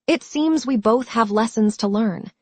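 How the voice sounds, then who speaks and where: A woman's voice: on the high side, measured pace, slightly rough, no room sound. Brief: woman narrator doing a tired, wounded young soldier, wry and weary, dry close read.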